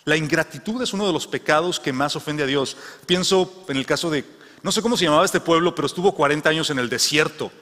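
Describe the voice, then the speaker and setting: A man's voice: fairly high pitch, fast talker, sharp tone. A man preaching a sermon. He tells stories and repeats his key phrases for emphasis. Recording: long hall reverb.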